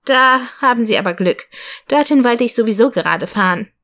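A woman's voice: fairly high pitch, animated, a little fast, pushed and bright. A chatty, friendly taxi driver in a storybook, curious about her passenger. A woman reads her lines in a lightly raised, everyday voice.

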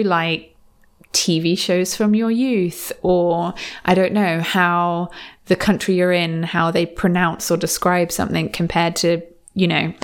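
Casting: female interviewer, lower-pitched, plenty of vocal fry, casual conversational delivery.

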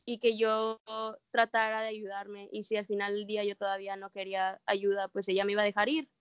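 A young Mexican woman in a candid, slangy chat, her voice pitched a little high. She tells a personal story openly in a Mexican Spanish accent, and the sound is dry and close. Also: no room sound. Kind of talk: casual chat.

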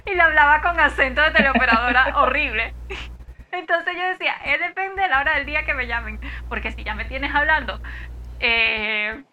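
A woman co-hosting a casual podcast chat, telling unhurried anecdotes and acting out the quotes. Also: high-pitched, pushed and bright. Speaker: podcast co-host.

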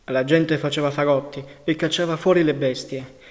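A man reading a novel aloud in a measured, grave narration. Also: on the high side, fairly even intonation, in a large hall. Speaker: audiobook reader.

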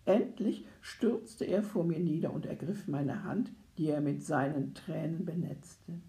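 Slow, gravelly audiobook narrator. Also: mid-range voice, echoey room. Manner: expressive, dramatic, often hushed. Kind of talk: first-person literary audiobook reading.

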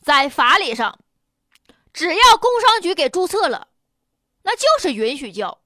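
A woman's voice: high voice, big pitch swings, measured pace, pushed and bright, no room sound, clean studio sound. A woman with a Northeastern Chinese accent hosting a colloquial comic commentary show in a chatty, sardonic, folksy manner. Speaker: radio show host.

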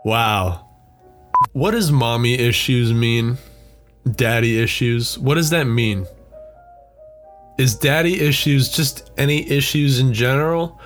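A man's voice: medium pitch, slow, pauses often, faint music behind. A young man rambling through a comedic monologue, often laughing at his own jokes.

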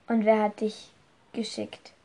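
A woman's voice: mid-range voice, sing-song, measured pace, warm tone. A woman voicing a hard, threatening male warrior in an audiobook story.

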